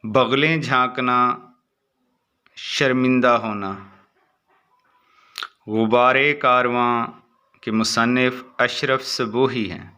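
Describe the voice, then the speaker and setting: A man reading short exam answers aloud as a teacher, in a steady recitation with brief asides. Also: medium pitch, pauses often, clear, resonant tone.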